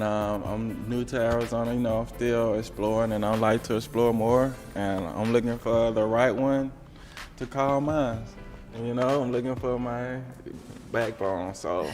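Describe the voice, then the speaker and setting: A man's voice: lowish voice, a little mellow. A man in his thirties from Alabama, introducing himself plainly and a little hesitantly on a dating show. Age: 30s. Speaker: contestant.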